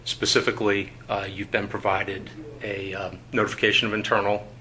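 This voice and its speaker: A male investigator reading formal procedure in a measured, bureaucratic way, with many "uh"s, heard on an old recorded interrogation tape from a conference room. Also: fairly low pitch, flat delivery, sharp tone, a little hiss or hum, low-quality recording. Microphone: tabletop recorder.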